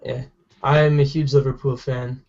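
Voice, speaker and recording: A man's voice: medium pitch, flat delivery, a little slow, darkish tone. A young man co-hosting a podcast in casual chat over a video call. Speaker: podcast co-host. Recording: slightly dull video-call audio.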